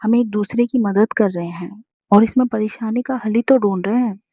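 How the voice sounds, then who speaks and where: A woman's voice: mid-range voice, steady tone, moderate pace, slightly rough, no echo. A woman reading out a rich, domineering young man. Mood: bargaining. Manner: read aloud plainly in the narrator's own voice. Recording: dull lo-fi recording.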